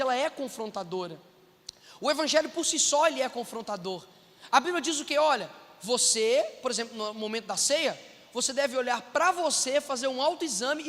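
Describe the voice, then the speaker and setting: A man with a Brazilian accent preaching a sermon in an animated way, acting out the voices of people he quotes and calling his listeners brothers. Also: extremely high pitch, in a large hall.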